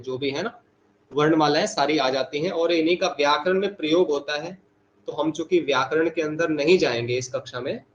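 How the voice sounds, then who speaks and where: A man teaching a Sanskrit class online, saying each sutra slowly and repeating it for his students. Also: on the high side, lo-fi sound, a little hiss or hum.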